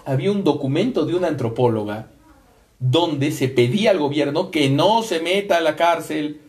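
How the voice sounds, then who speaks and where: A man's voice: on the high side, lively intonation, normal speed, a little mellow. A man co-hosting a talk show, explaining his points emphatically and finishing his partner's sentences. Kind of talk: conversational commentary.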